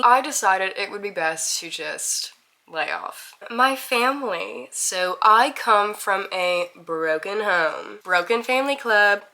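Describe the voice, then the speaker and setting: Young woman in her twenties from Mississippi, casual vlogger, bright and a touch low, candid chatter. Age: 20s. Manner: chatty, candid, laughs at herself. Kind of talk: casual to-camera intro vlog.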